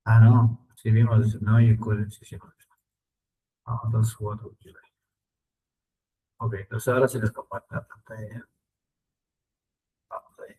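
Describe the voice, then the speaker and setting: A man teaching an online English class, speaking slowly and repeating words for his students to copy. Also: lowish voice, level tone, distant mic, phone-quality sound.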